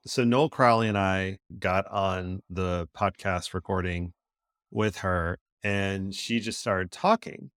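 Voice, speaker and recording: Man, podcast co-host, playful casual chat, lowish voice, dry close sound. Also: steady tone, slow pace, fairly bright tone, smooth, dry recording. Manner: joking, playful, quotes people in put-on voices.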